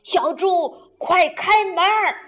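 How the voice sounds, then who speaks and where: 女声扮演的凶巴巴的大灰狼. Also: female voice, fairly high pitch, sing-song, slow pace, fairly bright tone, faint music behind, exaggerated voice. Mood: shouting. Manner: huffing, threatening, grumbling. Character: big bad male wolf, greedy and blustering.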